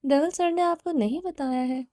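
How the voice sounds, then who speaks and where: A woman's voice: high-pitched, mellow, voice pushed up, natural voice. A woman reading the part of a scared, evasive young woman who pleads and refuses to answer.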